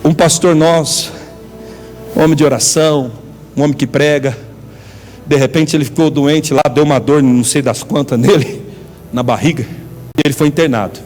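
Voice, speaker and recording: Brazilian pastor guy preaching, fairly high voice, big church echo, soft music under. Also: normal speed, pauses often. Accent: Brazilian Portuguese. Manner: animated preaching, calls on the congregation to respond. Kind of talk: sermon. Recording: church hall reverb, faint music.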